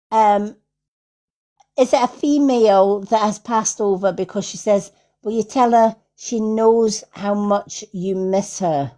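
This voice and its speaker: A medium-pitched, warm-toned woman from Scotland hosts a livestream as a psychic medium, offering casual spiritual readings. Her manner is affirming and repetitive, and she frequently checks in by asking "right?"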